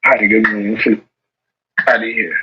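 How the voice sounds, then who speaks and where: A man calling in to a talk show over a choppy internet phone call that keeps breaking up, speaking haltingly and repeating words. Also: lowish voice, fairly even intonation, a little hiss or hum. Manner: halting, repeats words while finding his point. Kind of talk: casual call-in chat. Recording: tinny, dropping-out phone line.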